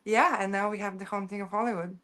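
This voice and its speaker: A woman's voice: medium pitch, fairly even intonation, fast, a bit bright. Woman, filmmaker guest, casual podcast chat, mid-range voice, chatty, restarts often. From Bulgaria. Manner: chatty, circles back and restarts while explaining.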